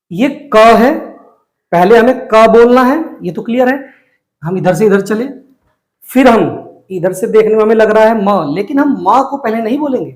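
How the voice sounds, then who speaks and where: Male Hindi teacher, high-pitched, patient syllable drills, roomy echo. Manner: slow, repetitive drilling of syllables. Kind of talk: whiteboard reading lesson.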